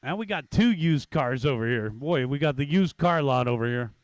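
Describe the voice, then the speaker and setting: A man's voice: medium pitch, expressive, normal speed, no echo. A man giving live race commentary in a casual, chatty, exclaiming way as the announcer at a track.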